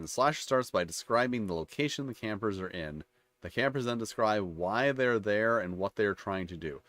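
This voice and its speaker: A man with a low voice works through a page of game rules, reading each one out and then wandering into loose, talky asides full of restarts. His voice sits dry and close, with no room sound around it. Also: a bit bright, dry recording. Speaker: channel host reviewing tabletop games. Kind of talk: casual commentary reading rules aloud.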